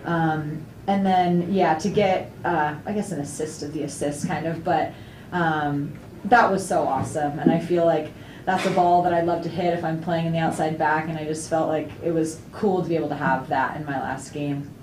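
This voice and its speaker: A young woman, a soccer player, answering questions at a post-game press conference in a chatty, upbeat way, full of fillers and quick laughs. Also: low voice, fairly even intonation, a little mellow. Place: indoor press room before a sponsor backdrop. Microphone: table mic on a stand, camera at a distance. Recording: echoey room, distant mic, faint noise.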